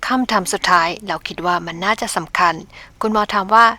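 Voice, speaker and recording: A woman's voice: medium pitch, a little fast, pushed and bright. Middle-aged woman narrating her vlog. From Thailand. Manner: candid, reflective storytelling. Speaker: vlogger. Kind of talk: personal narration. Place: home in Japan.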